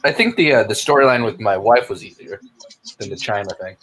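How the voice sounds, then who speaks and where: A man's voice: on the low side, animated, fairly quick, fairly bright tone, a little hiss or hum, low-quality recording. A man playing along as a trivia contestant on a casual podcast, griping sarcastically and mocking himself. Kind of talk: casual chat.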